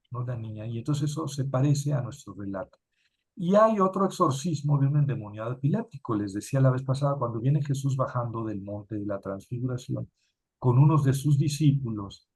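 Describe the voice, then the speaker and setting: A man's voice: mid-range voice, dark tone, husky. A man giving an informal lecture on scripture, talking conversationally with many fillers and self-corrections. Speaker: Bible lecturer.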